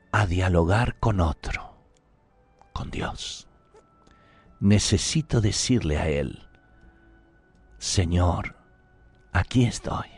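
Slow, earnest man preaching a sermon. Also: on the low side, darkish tone, no room sound. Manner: slow, earnest, pleading and intimate, dropping to a whisper at times.

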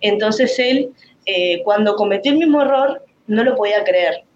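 A woman's voice: medium pitch, expressive, moderate pace, dull audio, a little hiss or hum. A woman with a Rioplatense Spanish accent giving an emotional, rambling personal faith testimony, full of restarts.

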